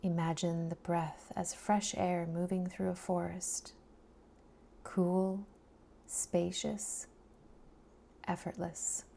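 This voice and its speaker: A woman guides a body scan meditation in a soft, soothing, breathy voice, lowish and with little pitch movement. She often trails into a near-whisper and leaves long pauses between phrases, and there is slight background noise.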